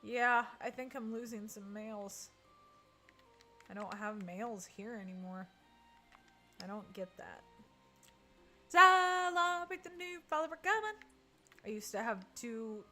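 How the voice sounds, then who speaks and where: A woman's voice: medium pitch, steady tone, measured pace, long pauses, a bit bright, soft background music. A woman chatting casually on a live stream while playing, reading and answering chat and groaning at misses. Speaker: game streamer.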